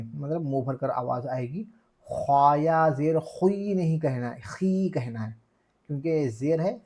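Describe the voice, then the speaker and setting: A man teaching a beginners' Quran reading lesson, stretching out each syllable slowly and then explaining quickly, patiently repeating his corrections. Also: fairly high pitch, dark tone. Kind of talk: slow spelled-out reading lesson.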